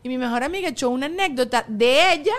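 A woman's voice: high voice, animated, fast. A Venezuelan woman hosting a podcast, chatting informally and full of slang. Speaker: podcast host. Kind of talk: casual conversation.

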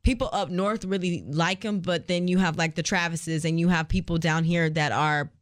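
A man's voice: fairly high pitch, fairly even intonation, moderate pace, fairly bright tone, dry recording, studio quality. A man explaining his view at length in casual chat.

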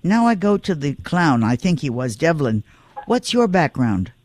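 A woman's voice: low-pitched, big pitch swings, normal speed, darkish tone. A woman hosting a casual radio interview, firing short, blunt, direct questions at her guests. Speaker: radio show host, interviewer.

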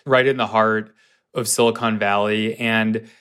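A man with an American accent explaining things conversationally as an interviewed reporter, halting and rephrasing as he goes. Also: on the low side, flat delivery, a bit bright, clean tone.

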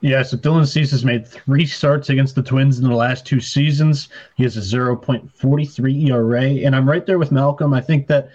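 A man co-hosting a sports betting podcast, laying out stats in a measured, steady way during casual chat. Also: medium pitch, muffled recording. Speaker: podcast co-host.

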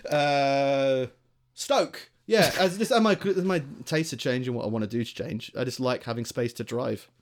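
A man's voice: medium pitch, normal speed. A man from Greater London with a southern English accent, chatting as a podcast co-host in a rambling, jokey way with casual swearing. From Greater London, England. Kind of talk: casual comedic banter.

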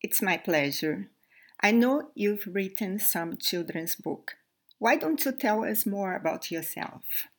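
A woman hosts a podcast interview with friendly, encouraging questions. She speaks at a middle pitch for a woman, in an ordinary, even voice. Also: takes it slowly. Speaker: podcast host.

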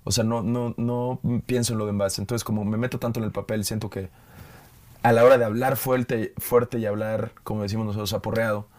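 Man, young adult, Yucatecan accent, podcast guest, casual chat, relaxed storytelling. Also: fairly low pitch. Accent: Yucatecan Spanish. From Yucatán, Mexico. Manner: relaxed, storytelling with quick restarts. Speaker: guest, video creator. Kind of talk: casual conversation.

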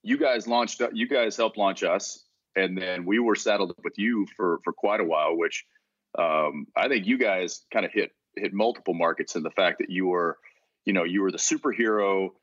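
Deep low man from Texas, relaxed rambling interview talk, dry close sound, slightly dull audio. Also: normal speed, no echo. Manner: relaxed, rambling with frequent restarts. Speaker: actor being interviewed. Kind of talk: casual interview conversation.

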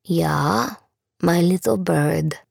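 A woman voicing an old Russian grandfather as a disembodied, unearthly voice from an enchanted radio, slow, stern and businesslike, in an audiobook. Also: fairly low pitch, creaky, no room sound, studio quality, heavily acted. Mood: slow, steady. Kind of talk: audiobook character voice.

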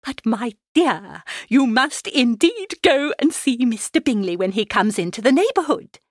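Woman acting an excitable, high-pitched nagging wife. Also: a little slow, no echo, studio quality. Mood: pleading. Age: middle-aged. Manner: gushing, insistent, theatrical. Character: excitable, nagging middle-aged wife and mother. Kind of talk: dramatised audiobook character reading.

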